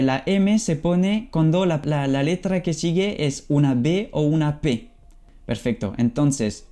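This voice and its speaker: A man, teaching a language lesson and slowly repeating example phrases for learners. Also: mid-range voice, warm tone. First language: French. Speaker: French teacher.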